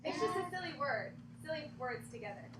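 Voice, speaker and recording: A woman's voice: sits high, expressive, brisk. A woman teacher reading a book aloud to her class, with dramatic, exaggerated protests between instructions. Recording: echoey classroom from far off, noisy.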